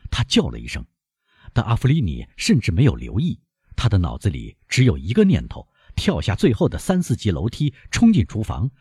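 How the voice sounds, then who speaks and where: Husky, dramatic male audiobook narrator. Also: low-pitched, no room sound, studio quality. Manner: dramatic, expressive reading. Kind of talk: scripted narration of a classic novel.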